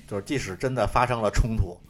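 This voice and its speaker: A man in a casual podcast chat, quick, blunt and indignant. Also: fairly low pitch, crowd noise. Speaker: podcast co-host.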